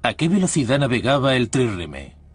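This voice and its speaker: A man giving a scripted documentary voice-over with a measured, formal delivery, recorded on a studio mic. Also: medium pitch, sing-song, a crowd in the background. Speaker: documentary narrator.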